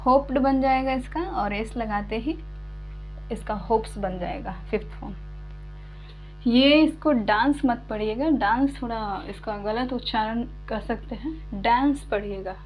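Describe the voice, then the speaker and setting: A woman teaching a spoken English lesson, explaining verb forms slowly with many repeated examples and coughing now and then. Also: on the high side, a little mellow, soft background music. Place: home room with fan switched off. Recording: dull lo-fi recording with faint hum.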